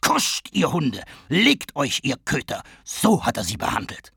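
A man's voice: fairly high pitch, wildly swooping pitch, unhurried, gravelly, sharp tone, husky, no echo, clean studio sound, voice pushed up, exaggerated voice. A man voicing a hearty, blustering Irish canvasser who swears and talks with emphasis.

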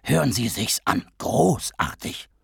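A man's voice: medium pitch, sing-song, unhurried, creaky, fairly bright tone, slightly rough, dry recording, studio quality, full character voice. Man doing a blustering Irish canvasser. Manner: blustering, emphatic, swearing.

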